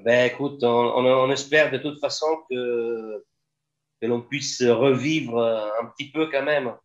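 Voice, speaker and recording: A man with a mid-range voice chats as a guest over a video call. He speaks haltingly and often restarts his phrases. His audio comes through slightly muffled. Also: medium pitch, steady tone. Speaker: guest, sound engineer.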